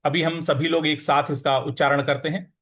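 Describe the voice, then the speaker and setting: A high-voiced man teaches careful recitation, demonstrating slowly syllable by syllable, then explaining more briskly in between. He chants verses in a melodic, intoned style, his tone steady and a bit bright.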